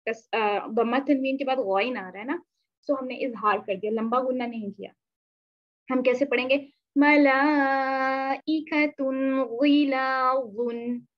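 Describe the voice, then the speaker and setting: A woman's voice: fairly high pitch, normal speed. A woman teaching a recitation class, posing questions to her students and answering them herself, with English words mixed in. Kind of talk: online tajweed lesson. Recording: dull lo-fi recording.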